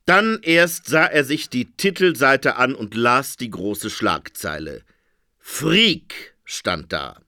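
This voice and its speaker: Male audiobook narrator, playful comic reading, very lively intonation, dry close recording. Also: medium pitch, slow, few pauses, no echo. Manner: playful, expressive reading of wordplay.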